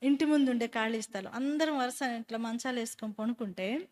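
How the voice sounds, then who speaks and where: High-voiced woman telling her testimony. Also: a little fast. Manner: animated storyteller who quizzes listeners. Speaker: speaker giving a personal testimony. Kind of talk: storytelling testimony to a church group.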